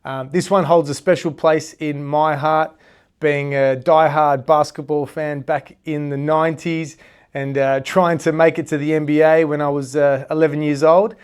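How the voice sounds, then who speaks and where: A man's voice: fairly high pitch, level tone, normal speed, clear, resonant tone. A man, hosting a podcast in a chatty, laid-back way. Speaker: podcast host. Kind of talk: casual interview chat.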